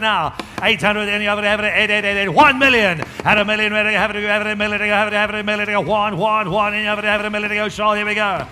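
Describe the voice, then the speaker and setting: A man working as an auctioneer, rattling out repeated numbers and calls in a rapid chant to urge bidders on. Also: high voice, sharp tone, a little hiss or hum. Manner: rattling, repetitive calling, urging bidders. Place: large auction hall. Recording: echoey hall PA with background music.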